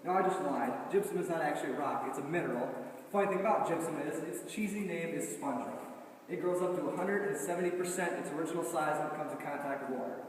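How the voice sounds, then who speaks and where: This is a man with a slightly high voice giving a casual, joking cave tour. He explains things informally to his group. Long cave echo trails his words, and the distant recording has clear background noise. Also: fast talker. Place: inside an underground limestone cave.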